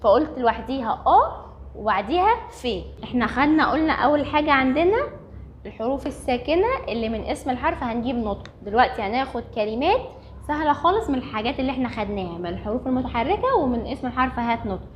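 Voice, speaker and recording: Egyptian woman teaching in a slightly high voice. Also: lively intonation, fast talker, a little hiss or hum. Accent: Egyptian Arabic. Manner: patient, repeating each point step by step. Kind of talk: recorded language lesson. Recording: dull lo-fi recording.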